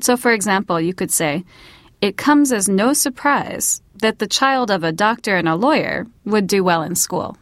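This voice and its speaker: A woman explaining English phrases and reading example sentences clearly and carefully. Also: medium pitch, animated, takes it slowly, no echo.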